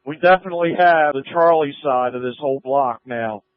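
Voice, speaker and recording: A man's voice: mid-range voice, fairly quick, noisy background. Businesslike male fire commander, tinny radio. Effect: two-way radio. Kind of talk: firefighter radio traffic. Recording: dry, tinny narrowband radio transmission.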